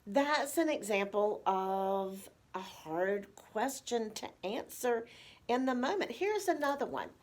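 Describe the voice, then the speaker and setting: A nurse speaks to caregivers in a fairly high, conversational voice. She walks through examples and poses rhetorical questions as she teaches. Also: animated, slow pace. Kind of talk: instructional talk to caregivers.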